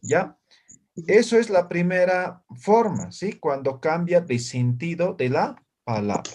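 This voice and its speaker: A male language teacher speaks at a measured pace in an expressive, somewhat mellow voice on the high side. After almost every phrase he checks in with a quick question, and students answer from around the room.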